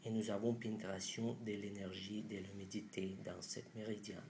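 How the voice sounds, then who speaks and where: A man in his thirties with a foreign accent in French, a non-native speaker giving a halting instructional presentation, searching for words. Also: fairly low pitch, level tone, darkish tone, a little hiss or hum. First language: not French. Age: 30s. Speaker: doctor presenting an acupuncture method. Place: small room indoors.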